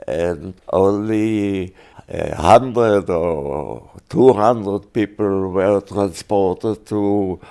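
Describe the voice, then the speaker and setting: An older man giving oral history testimony, speaking haltingly with many pauses and restarts. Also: fairly low pitch, a little mellow. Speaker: interviewee.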